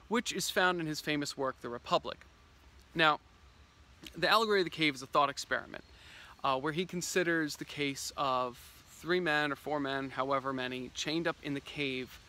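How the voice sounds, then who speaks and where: Earnest man vlogging on a wooded trail. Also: a little high. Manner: earnest and expressive, with dramatic pauses. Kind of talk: reflective outdoor vlog monologue. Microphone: camera at arm's length.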